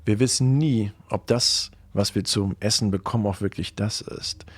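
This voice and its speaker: A man telling horror stories on a livestream in calm, hushed narration. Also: on the low side, normal speed, husky, dry recording. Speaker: horror storyteller.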